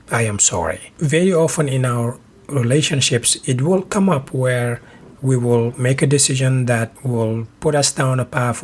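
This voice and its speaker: Male podcast host from Senegal, slightly husky, calm and reflective advice delivery. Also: medium pitch.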